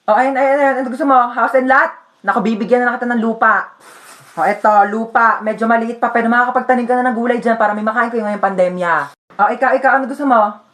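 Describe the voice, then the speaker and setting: A woman's voice: fairly high pitch, steady tone, fast, a bit bright. Woman playing comic skit roles. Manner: playful, switching between characters. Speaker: comedy sketch performer. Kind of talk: comedy skits playing many roles.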